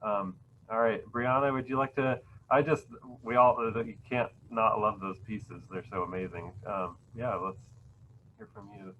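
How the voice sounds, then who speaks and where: A man hosts a virtual reception over a tinny, phone-like line with faint background hiss. He speaks in a relaxed, halting way, full of fillers. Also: lowish voice. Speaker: host. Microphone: video call. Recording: tinny phone-like call audio, faint noise.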